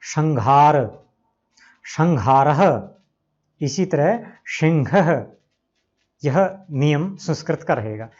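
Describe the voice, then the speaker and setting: A man teaches grammar at an unhurried, measured pace and says each example word more than once, drawing the sounds out. His voice sits a little high for a man. The recording is dull and lo-fi. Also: expressive, darkish tone, slightly rough. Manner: slow, repeats examples, stretches out words to pronounce them. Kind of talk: explanatory lesson.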